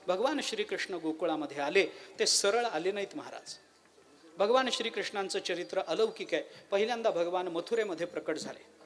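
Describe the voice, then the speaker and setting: Animated kirtan preacher, man. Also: high voice. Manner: animated storyteller, rises to loud excited passages, chants verses slowly. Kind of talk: devotional sermon with sung verses. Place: large gathering at a kirtan festival.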